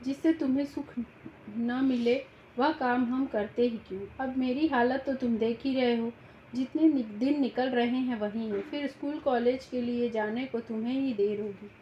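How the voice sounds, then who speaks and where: A woman's voice: on the high side, normal speed, slight background noise, close to an everyday voice. Woman reading as a chatty, scolding sister-in-law. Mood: lecturing. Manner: folksy, talkative, lecturing. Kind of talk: audiobook reading. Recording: roomy, slightly dull home recording.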